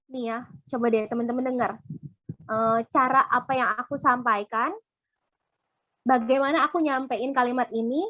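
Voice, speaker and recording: High-voiced young woman giving a chatty sermon. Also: a bit bright, no room sound, highs cut off. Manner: chatty, keeps addressing listeners as friends, acts out little quoted dialogues. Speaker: speaker at a community worship service. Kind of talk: casual youth sermon.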